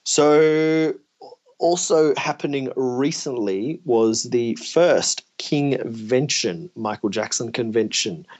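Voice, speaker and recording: A man's voice: medium pitch, slow pace, a little mellow, muffled recording. A man hosting a podcast in a casual, chatty style. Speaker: podcast host. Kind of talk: casual chat.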